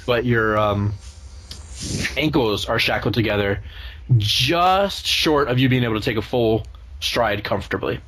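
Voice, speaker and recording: A man improvising tabletop game narration as game master, often searching haltingly for his words. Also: medium pitch, fairly bright tone. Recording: noisy room recording.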